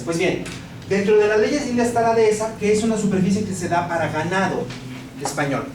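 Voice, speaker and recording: A Mexican man giving a casual, anecdote-filled law lecture to a class, peppering his talk with rhetorical questions. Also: fairly high pitch. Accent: Mexican Spanish. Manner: conversational, anecdotal, frequent rhetorical "¿no?". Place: university classroom. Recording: echoey classroom, distant mic, noisy.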